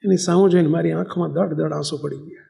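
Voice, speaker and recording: A male preacher tells a story during a sermon and acts out the voices in it. His voice sits high and has a gravelly rasp. He narrates steadily. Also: steady tone, fast talker, mellow. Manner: storytelling, acting out dialogue. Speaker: spiritual teacher.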